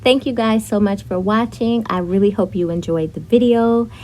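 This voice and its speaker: A young woman narrating a casual makeup tutorial, chatty and relaxed, with frequent fillers. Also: medium pitch, moderate pace, faint music behind. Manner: chatty, with frequent ums and likes. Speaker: beauty vlogger.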